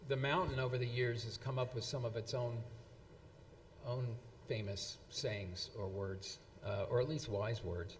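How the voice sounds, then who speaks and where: A man's voice: mid-range voice, fairly even intonation, a little hiss or hum. A man giving a speech at an event, stringing together quotations in a middling voice and stumbling over words with frequent fillers and restarts. His voice carries through a hall with a long reverb tail. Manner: halting, many fillers and restarts. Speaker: event presenter.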